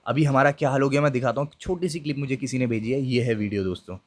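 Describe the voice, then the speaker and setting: A man's voice: mid-range voice, rapid-fire, noisy background. A young man tells his own ghost story in a casual, chatty way. He talks to his viewers directly and keeps checking in with fillers as he goes. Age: young adult. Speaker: YouTube storyteller. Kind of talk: casual first-person ghost story narration.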